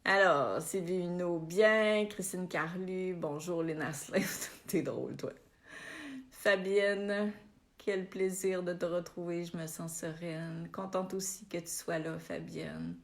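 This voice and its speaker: A woman's voice: on the low side, expressive. A woman with a Québécois accent hosting a casual live stream from home, greeting viewers by name with frequent hesitations. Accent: Québécois French. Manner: unhurried, warm-hearted greetings with frequent euh fillers.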